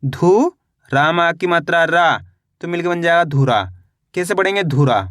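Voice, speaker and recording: A man teaching Hindi reading in a slow phonics lesson. He sounds out each syllable and blends them into words. He encourages viewers as friends. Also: on the high side, pushed and bright, clear, resonant tone, no room sound, clean studio sound.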